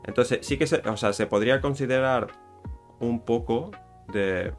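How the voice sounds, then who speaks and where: A man's voice: mid-range voice, a little slow, faint music behind. A man with a Spain Spanish accent, casually explaining a cultural topic in a rambling way, full of fillers and self-corrections. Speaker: YouTuber explaining Japanese culture.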